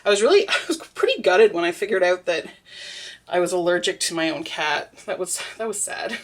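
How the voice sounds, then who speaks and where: Here a young soap maker talks through her work vlog-style in a lowish, expressive voice at a fairly quick clip. Sniffling through a stuffy nose, she rambles, laughs frequently, and leans heavily on fillers.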